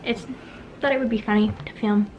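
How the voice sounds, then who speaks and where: A woman's voice: medium pitch, fairly even intonation, brisk, muffled recording. A woman vlogger talking casually to her viewers in an informal home video. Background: music.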